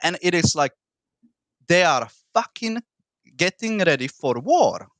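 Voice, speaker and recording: A man who is not a native English speaker, with a foreign accent and rolled r's, argues in an informal political debate, often halting and repeating words. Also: a little high, big pitch swings, fairly bright tone, no echo. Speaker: debate participant.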